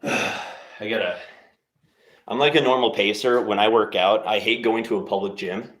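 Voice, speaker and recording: A man's voice: fairly low pitch, moderate pace, a bit bright. Laid-back man streaming a home workout. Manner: laid-back, rambling, jokey encouragement. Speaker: livestream host leading a workout. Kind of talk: casual live-stream chat. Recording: roomy echo.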